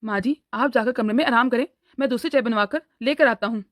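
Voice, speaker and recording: Cartoon husband, a woman playing him: weak, lecturing, high and fast-talking. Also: dry recording, natural voice. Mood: placating. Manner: lecturing, placating. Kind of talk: cartoon story voice acting.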